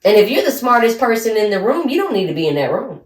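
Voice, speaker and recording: A woman's voice: fairly high pitch, very animated, fast talker. A woman in her forties co-hosting a podcast, talking bluntly in a casual chat and laughing often. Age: 40s. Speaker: podcast co-host. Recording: roomy sound from a distant mic.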